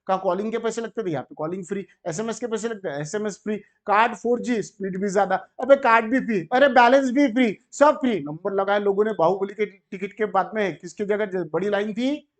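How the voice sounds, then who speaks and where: A man with an Indian accent lectures a commerce class in a fairly high voice. He keeps the room engaged by asking questions and briefly acting out shopkeepers and sellers. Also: quick pace, hardly any pauses. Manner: animated, asks the class questions and acts out shopkeepers. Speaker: commerce tutor.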